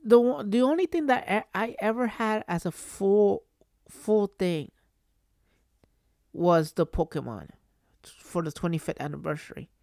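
A woman's voice: mid-range voice, expressive, measured pace, gravelly, pauses often, mellow, no room sound, studio quality. A woman hosting a solo podcast, telling stories casually in a rambling way that circles back and repeats phrases. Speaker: podcast host.

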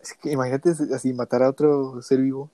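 Mellow young Mexican man, easygoing. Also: mid-range voice, little pitch movement, fairly quick, no echo. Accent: Mexican Spanish. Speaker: podcast co-host. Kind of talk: casual podcast banter.

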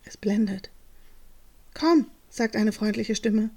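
A woman reading a bedtime story aloud, calm and measured, softening toward a hush. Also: fairly high pitch, vocal fry.

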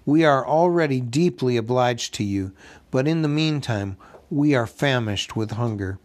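A man voicing a calm, courteous old wizard in a storybook reading, speaking politely and composedly. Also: medium pitch, normal speed, close to an everyday voice.

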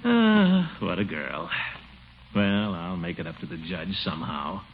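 A man's voice: deep voice, very animated, measured pace, heavy background noise. A man playing a pompous, jovial middle-aged city official in a 1940s radio comedy, chuckling and blustering, and crooning a ballad. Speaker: lead character singing a ballad. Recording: dull old radio broadcast with loud music.

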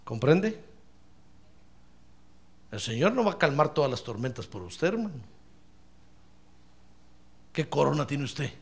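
A man preaching a sermon, animated and humorous, often calling his listeners brother and acting out Bible scenes. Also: on the high side, measured pace, gravelly, pauses often.

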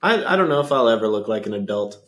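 Deadpan nineteen-year-old guy, lively pitch. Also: quick pace, slight background noise. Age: late teens. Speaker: podcast co-host. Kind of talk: casual comedic chat.

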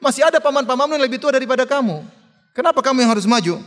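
Guy putting on a bragging old warrior, yelling high, big hall echo. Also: animated, racing. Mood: dismissive. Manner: loud shouted challenge. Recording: long hall reverb.

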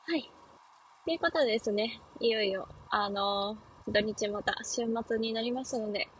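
A woman's voice: medium pitch, slight background noise, low-quality recording. Chatty woman hosting a solo talk show. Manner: chatty and laughing, many fillers. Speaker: podcast host. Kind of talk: casual solo chat.

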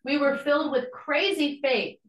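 Speaking at normal speed in a high voice, this woman is a podcast host and church planter. Her devotional teaching is heartfelt and conversational with casual asides, and the sound is lo-fi and echoey.

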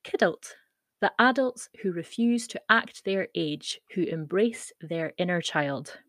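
A woman in her thirties from the Scottish Highlands hosts a podcast, reading her own personal essay in a wry, playful way. Her Scottish-accented voice sits on the low side, animated and a bit bright, with a slightly slow delivery.

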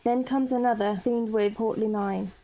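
A woman's voice: on the high side, steady tone, normal speed, warm tone, dull audio. Woman reading stage directions. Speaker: narrator.

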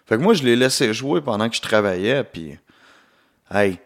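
A man's voice: mid-range voice, expressive, moderate pace. A young man with a Québécois French accent, hosting his own solo podcast in a rambling, joking way with plenty of filler and English words mixed in. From Quebec. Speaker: podcast host and comedian. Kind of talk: casual solo podcast monologue.

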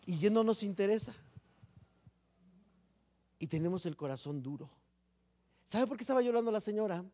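A man preaching a sermon, swinging between loud emphatic phrases and low hushed words. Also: animated, normal speed.

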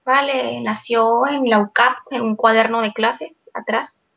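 A young woman from Venezuela, a guest illustrator in a casual interview, chatty and quick-talking. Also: a little high, fairly even intonation, gravelly, a bit bright, dull audio.

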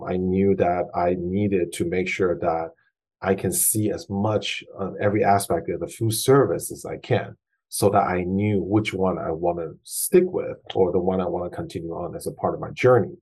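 Low gravelly man with a husky voice. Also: steady tone, normal speed, a little mellow. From Taiwan. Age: 40s. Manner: hesitant, many fillers and restarts. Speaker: guest chef. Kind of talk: casual interview.

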